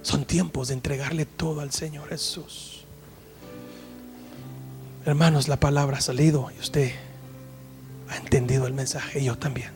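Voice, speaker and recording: A male pastor delivering an impassioned sermon, dropping to hushed tones and rising to loud pleading. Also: medium pitch, flat delivery, normal speed, pauses often, soft background music. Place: church service.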